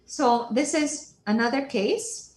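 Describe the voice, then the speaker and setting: A woman's voice: on the high side, slow pace. A woman giving a radiology lecture over case slides. She asks herself questions and then answers them as she walks through each image step by step. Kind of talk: case-based teaching lecture.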